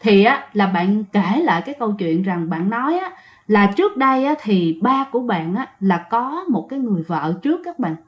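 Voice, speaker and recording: A woman's voice: mid-range voice, sing-song, normal speed. A woman telling ghost stories in a chatty way, often speaking directly to her listeners. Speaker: ghost story narrator. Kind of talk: chatty ghost story storytelling. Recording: dull lo-fi recording.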